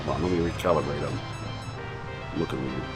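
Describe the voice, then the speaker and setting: A man casually commenting while he plays through an old adventure game, joking and thinking out loud. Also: extremely low pitch, a little fast. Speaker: streamer playing a game. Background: game music.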